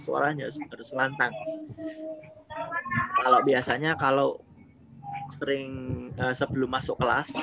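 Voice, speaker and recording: A man's voice: mid-range voice, creaky. A male primary school teacher, recording a remote lesson, reading text and then explaining it in Indonesian. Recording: muffled, noisy home recording.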